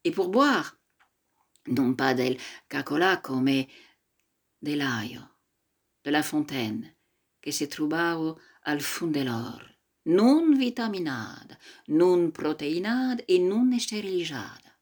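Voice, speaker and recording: Husky low-voiced older woman storyteller. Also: slow pace. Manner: lively, addresses listeners directly, mixes in Occitan phrases. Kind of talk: oral storytelling.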